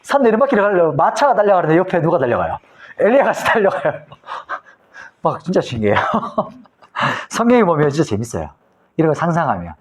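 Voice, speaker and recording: A man's voice: fairly high pitch, fairly quick. A man from Korea, a pastor giving a Bible lecture, who tells the story vividly and acts out the scenes. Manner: animated storytelling, acting out scenes.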